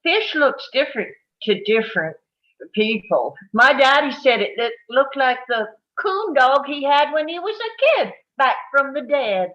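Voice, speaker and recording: A woman's voice: high-pitched, sing-song, a little slow, a bit bright, exaggerated voice. A woman voicing a blunt eight-year-old girl, muffled. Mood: chatty. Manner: matter-of-fact, counting aloud. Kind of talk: table read. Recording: dull lo-fi audio.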